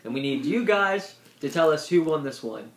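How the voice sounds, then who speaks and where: A man's voice: fairly high pitch, animated, normal speed. Young man chatting in an echoey room. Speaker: host of a video channel. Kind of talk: casual chat. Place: small room indoors. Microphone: tablet at arm's length. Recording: roomy echo, noisy tablet microphone.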